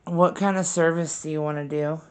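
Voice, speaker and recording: A man on a paranormal investigation, asking spirits questions aloud in a hushed, casual way. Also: a little high, steady tone, fairly quick. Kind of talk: casual ghost-hunting session. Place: old former brothel building, indoors.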